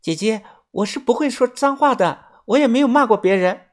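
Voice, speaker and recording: A coy, sweet young woman in a storybook, as a male narrator puts her on. Her voice is high and soft, and she talks in a meek, pleading way. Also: animated, moderate pace, natural voice.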